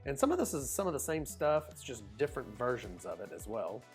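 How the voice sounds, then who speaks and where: Oklahoman man, cruise vlogger, folksy and chatty, mid pitch, faint music behind. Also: sing-song, fairly quick. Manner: folksy, chatty, says y'all. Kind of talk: casual screen walkthrough narration.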